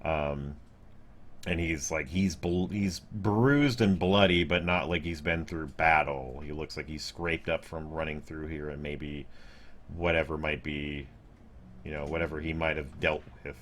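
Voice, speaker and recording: A man's voice: very deep voice, steady tone, a little slow, fairly bright tone, a little hiss or hum. A man narrating as game master of a tabletop game, rambling with hesitant restarts. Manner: rambling, full of fillers and restarts.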